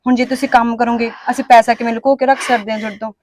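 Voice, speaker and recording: A woman's voice: a little high, level tone, a little mellow, no echo, lightly acted. A young woman playing a devout daughter-in-law who argues with her mother-in-law and comforts a stranger. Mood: soothing. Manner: quick, earnest, talks back when pushed. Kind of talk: amateur short-film acting.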